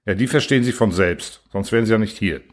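A man's voice: on the low side, quick pace, lightly acted. A man reading an audiobook, voicing a huge alien diplomat who asks hasty, impatient questions. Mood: impatient, probing. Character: huge alien male diplomat, brisk and condescending. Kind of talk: audiobook character voice.

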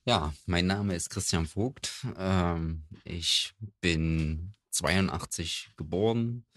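Male guest, thirties, deep voice, unhurried and plain, slightly hesitant, dry recording. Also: dry recording. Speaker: company managing director, interview guest. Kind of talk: plain self-introduction in interview.

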